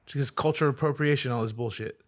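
A man's voice: mid-range voice, fast talker, background noise. A man telling a long story in casual, profane chat.

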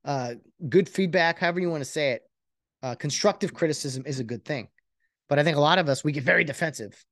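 A man hosting a podcast alone, talking in a rambling, earnest and self-reflective way, with many halting restarts. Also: on the high side, a bit bright, no room sound, clean studio sound. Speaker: podcast host. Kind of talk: casual solo podcast monologue.

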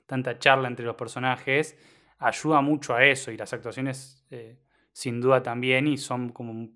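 Man, film podcast, mid pitch, thoughtful and halting. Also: level tone, bright, forceful tone. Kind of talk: casual film discussion.

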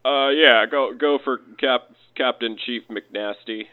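A man's voice: mid-range voice, takes it slowly. A man playing a male fire captain slacking off with beers, laid-back and hesitant, heard over a police-style two-way radio. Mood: casual. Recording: tinny radio line.

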